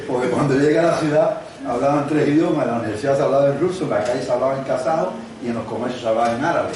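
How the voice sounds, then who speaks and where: A man's voice: medium pitch, rapid-fire. An older man born in Cuba, giving a conversational university lecture with examples and asides, speaking without a microphone. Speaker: guest lecturer. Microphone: no microphone, distant recording. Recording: very echoey room, distant mic, faint noise.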